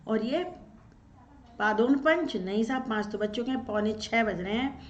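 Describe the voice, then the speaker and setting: A woman teacher walks through an exam paper, putting questions to the class and answering them herself. Her voice sits a little high. The recording is dull and a bit lo-fi, with an echo from the room. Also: animated, moderate pace, a little hiss or hum. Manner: explains step by step, asks and answers her own questions. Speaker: Sanskrit teacher. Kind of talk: exam-paper walkthrough lesson.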